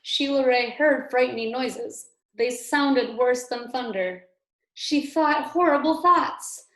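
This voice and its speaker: In an echoey room, a woman with a slightly high voice reads a storybook aloud to young children. She is a kindergarten teacher, theatrical in delivery and careful to emphasize and explain. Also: takes it slowly, a bit bright.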